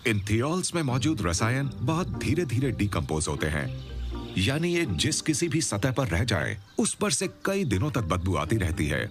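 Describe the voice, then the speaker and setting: A man narrating a nature documentary from a script, with a measured, explanatory storytelling delivery. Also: mid-range voice, big pitch swings, music in the background.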